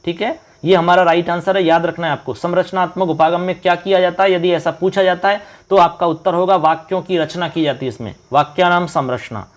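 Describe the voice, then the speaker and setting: A male exam-prep teacher from India, quizzing viewers through a model paper and reading out the answer options slowly. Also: high voice, fairly even intonation. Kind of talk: online exam-prep lesson.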